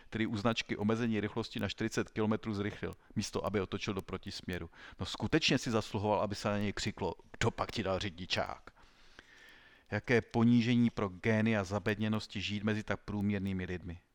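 A man narrating an audiobook story in a wry, even storytelling manner. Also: on the low side, hardly any pauses, no room sound. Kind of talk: audiobook reading.

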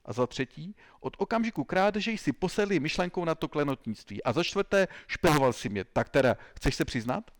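A man voicing a zealous, self-important male police agent who shouts accusations in an interrogation. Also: on the high side, lively intonation, hardly any pauses, pitched above the performer's own voice, close to an everyday voice. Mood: bullying.

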